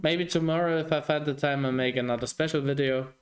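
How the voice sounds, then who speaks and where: A man with a hosting a live racing broadcast, slow and relaxed, with a jokey, self-deprecating manner. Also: a little high. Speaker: race commentator and stream host. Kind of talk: live race broadcast commentary.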